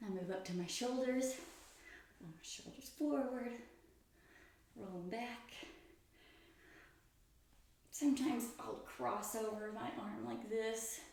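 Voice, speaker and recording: A woman's voice: on the high side, slow pace, creaky, pauses often, darkish tone. Woman in a very echoey room, casual instruction. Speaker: host of a stretching routine video. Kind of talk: casual exercise instruction, talking through own stretches.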